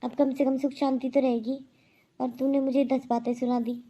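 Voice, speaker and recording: A woman voicing a proud elderly aunt who scolds loudly and with indignation in a cartoon. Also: high voice, level tone, moderate pace. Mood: indignant.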